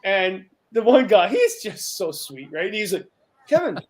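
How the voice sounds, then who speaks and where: A middle-aged man from Canada, a guest on a video call, telling stories in an animated, joking way. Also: sits high, unhurried. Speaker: guest, outdoor writer and teacher. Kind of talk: casual video-call chat.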